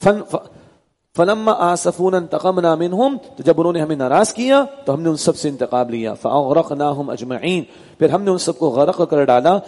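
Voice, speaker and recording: A man giving a Quran commentary lesson, reciting verses slowly and then translating and explaining them. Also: a little high, animated, warm tone, in a large hall. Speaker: Quran teacher.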